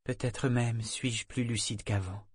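A man voicing a young woman sailor disguised as a boy in a storybook reading; he keeps her quiet, steady and earnest. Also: mid-range voice, a little slow, husky, no echo, clean studio sound. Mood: calm. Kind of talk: audiobook character reading.

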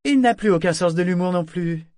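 A man voicing a lively female living ship figurehead with a rich timbre, fond, teasing and energetic. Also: high-pitched, fairly quick, no echo, clean studio sound, voice pushed up, natural voice. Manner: energetic, chiding.

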